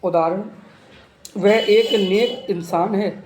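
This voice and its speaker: High-voiced man teaching slowly. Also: fairly even intonation, darkish tone, a little hiss or hum. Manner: slow, listing terms and examples one by one. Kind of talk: exam-prep grammar lesson. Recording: echoey room with faint ambience.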